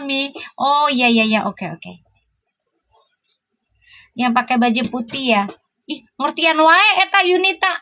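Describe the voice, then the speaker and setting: A woman with a Sundanese-flavored Jakarta accent chats with her live-stream viewers. Her voice sits high and sounds bright. She teases them playfully and laughs often. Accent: Sundanese-flavored Jakarta Indonesian. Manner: teasing, laughing, playful banter. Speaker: live-stream tarot host.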